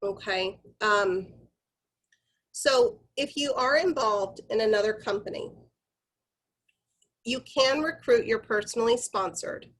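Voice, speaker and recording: A woman with a voice on the high side speaks slowly and pauses often, heard on a low-quality recording. Running an informal corporate training, she explains guidelines to her group directly in a conversational, instructive way.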